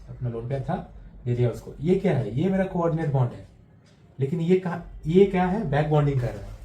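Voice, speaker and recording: A male chemistry teacher giving a classroom lecture, explaining step by step and dictating notes slowly word by word, checking in with students as he goes. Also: medium pitch, warm tone, echoey room, a little hiss or hum, rough recording.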